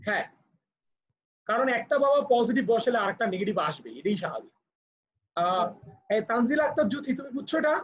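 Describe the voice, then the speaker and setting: A man with a Bangladeshi accent teaches physics in a live online class, patiently explaining step by step and switching to English for terms. His voice is extremely high with big pitch swings, fairly quick, and marked by long pauses. The video call audio is muffled and lo-fi.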